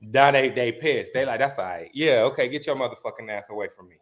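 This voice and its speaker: A young Midwestern man guests on a casual chat about reality TV, speaking quickly at a medium pitch. He gossips and acts out the voices of the people he quotes.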